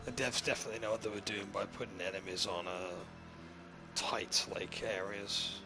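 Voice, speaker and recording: A man giving casual let's-play commentary, musing to himself in a relaxed way. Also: on the low side, normal speed. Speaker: gameplay video host. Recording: voice over game music.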